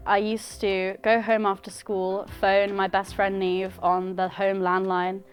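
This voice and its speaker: A twenty-year-old woman from Brighton chatting in a documentary interview about her childhood games. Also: mid-range voice, monotone, unhurried, smooth, soft background music. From Brighton, England. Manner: chatty, reminiscing. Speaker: filmmaker and interviewee.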